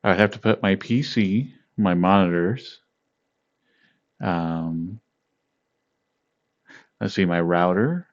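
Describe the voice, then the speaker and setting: Laid-back low-voiced man chatting on stream. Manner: laughs often, greets viewers by name; relaxed, meandering, with fillers and pauses. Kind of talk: casual chat with live viewers. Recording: dull lo-fi stream audio.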